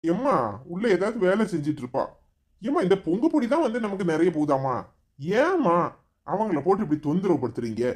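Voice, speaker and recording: A man voicing a mild young husband and son in a cartoon, pleading gently in Tirunelveli Tamil. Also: sits high, big pitch swings, fairly quick.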